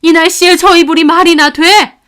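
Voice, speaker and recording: A woman doing a furious shouting grandmother. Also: extremely high pitch, steady tone, a little slow, voice pushed up, heavily acted. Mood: furious scolding. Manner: shouting, scolding. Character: furious grandmother scolding her grown son.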